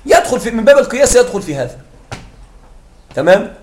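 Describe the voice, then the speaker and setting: A male grammar teacher lectures in a classroom, walking his students through example after example and pausing to ask whether they understand. His voice sits notably high for a man. The sound carries a clear echo from the room around him. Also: very animated, darkish tone, slight background noise. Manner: explains with repeated examples and checks understanding with questions.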